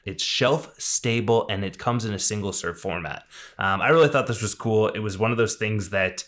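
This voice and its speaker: Man, lowish voice, casual news commentary, chatty asides. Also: moderate pace, a bit bright. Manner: conversational, enthusiastic asides. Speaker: vet industry news podcast host.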